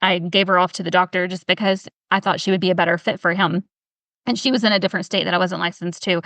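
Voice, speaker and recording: On a video call for a casual podcast interview, a Southern US woman who works as a health professional talks fast and animatedly, firing off rhetorical questions. Her voice is on the low side, with no echo.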